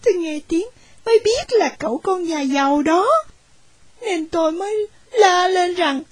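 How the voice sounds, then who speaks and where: A woman's voice: very high-pitched, measured pace, no room sound. A woman voicing a poor, wronged young orphan woman who tells her story tearfully, in a storybook reading.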